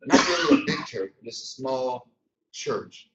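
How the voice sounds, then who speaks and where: A man's voice: medium pitch, a little slow. A man giving a motivational business training talk, speaking colloquially and acting out scenes as he tells stories. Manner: colloquial storytelling, animated, acts out scenes. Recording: echoey room, distant, dull.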